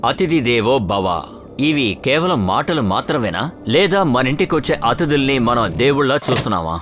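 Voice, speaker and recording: Fast, grave crime-show narrator. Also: male voice, mid-range voice, sing-song, fairly bright tone, faint music behind. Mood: grave, questioning. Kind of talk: scripted dramatic narration. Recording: clear ambient noise behind.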